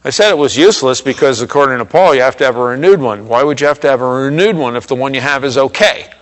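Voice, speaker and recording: Male pastor, middle pitch, conversational sermon, rises for emphasis, long hall reverb. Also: quick pace. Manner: conversational, repeats words and checks in with "okay?".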